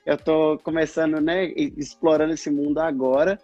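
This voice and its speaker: A man's voice: a little high, level tone, normal speed, a little mellow, no room sound, dull audio. A Brazilian man, a speech therapist, explaining in a livestream interview and acting out past conversations, with a Brazilian Portuguese accent. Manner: earnest, explanatory, acts out past dialogues.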